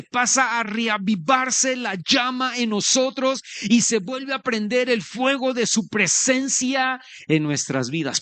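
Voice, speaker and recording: A man's voice: very high-pitched, a bit bright, no echo. A man preaching a sermon as pastor, earnest and conversational, speaking straight to his listeners.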